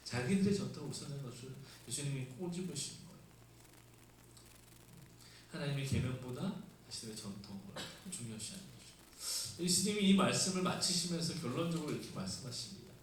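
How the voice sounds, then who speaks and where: A male pastor from South Korea gives a Sunday sermon in a church sanctuary, explaining scripture conversationally and posing rhetorical questions. His mid-range voice is brisk with lively intonation. The mic sits at a distance in an echoey room, with faint hiss.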